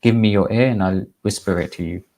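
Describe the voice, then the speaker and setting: A preacher voicing the angel of death in human form, calm and insistent, in his own voice. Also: on the low side, a little fast, lightly acted. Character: angel of death disguised as a plain man.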